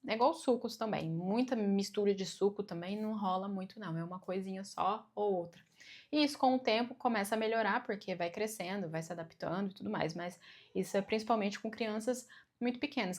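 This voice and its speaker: Gentle woman explaining unhurriedly. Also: medium pitch. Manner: gentle, unhurried, with frequent "né?" tags. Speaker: spiritual channel host. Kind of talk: casual explanatory monologue to viewers.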